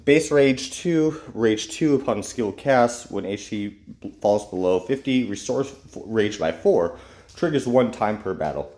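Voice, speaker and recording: A man's voice: on the low side, lively intonation, a little slow, darkish tone. Stuffy-nosed man reading game skills. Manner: reads skill text aloud with fillers. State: stuffy from a cold. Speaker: game reviewer. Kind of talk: casual gameplay commentary.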